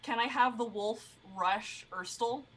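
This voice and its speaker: A woman's voice: fairly high pitch, measured pace, heavy background noise. A woman playing a tabletop game, rambling and thinking aloud with fillers. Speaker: player. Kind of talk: casual tabletop play.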